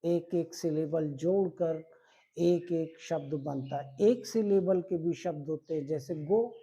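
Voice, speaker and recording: Male teacher for a grammar lesson: unhurried delivery, soft mellow tone, patient and step by step with examples. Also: fairly high pitch, highs cut off. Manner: patient, spells words out piece by piece with examples. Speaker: English teacher.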